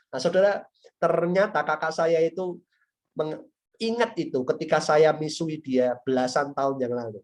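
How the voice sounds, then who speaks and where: A young male preacher tells his listeners a story from his own life. His voice sits a little high for a man. He speaks to them directly as he preaches. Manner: personal storytelling, addresses listeners as "Saudara". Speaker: evangelist preaching to students. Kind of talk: sermon.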